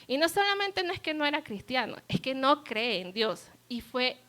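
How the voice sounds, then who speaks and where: High, bright-voiced woman preaching. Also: big pitch swings, moderate pace. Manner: earnest, asks the congregation rhetorical questions. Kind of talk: sermon. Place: church service.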